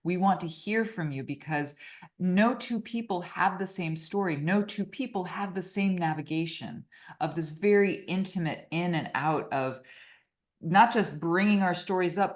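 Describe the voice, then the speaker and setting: A woman co-author hosting a book launch video, talking in a quick, chatty, upbeat way with casual fillers. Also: low voice. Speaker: co-author and host.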